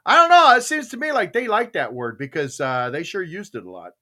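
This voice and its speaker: Male talk show host, slightly high pitch, lively swooping intonation, casual chat and read-aloud, theatrical emphasis. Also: brisk.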